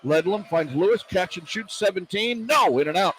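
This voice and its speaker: At normal speed, a man with a high, slightly bright, animated voice narrates basketball action live on radio in short, rolling descriptions. Crowd ambience from the arena makes the broadcast noisy.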